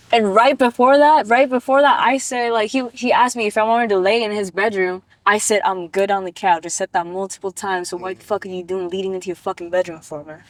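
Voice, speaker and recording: A woman's voice: mid-range voice, dry recording. Blunt, profane woman telling a story. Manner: blunt and profane, acts out quoted lines. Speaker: guest storyteller. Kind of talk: casual storytelling chat.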